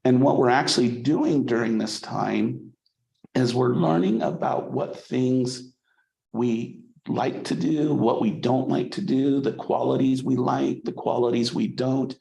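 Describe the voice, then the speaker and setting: A man lectures in a mid-pitched, strongly gravelly voice. He is conversational, restarts phrases, and keeps asking his students "okay?". The sound is roomy and echoing. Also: steady tone, measured pace, mellow. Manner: conversational, frequent "okay?" checks, repeats words when restarting. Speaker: psychology instructor. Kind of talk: college lecture.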